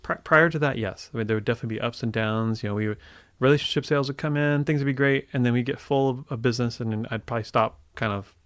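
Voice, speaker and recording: A man in his forties from Indiana, USA, a tech company co-founder, speaks as a guest in a conversational interview. His mid-range voice moves fast, relaxed and reflective, and he often restarts his sentences. The sound is clean studio audio with no echo.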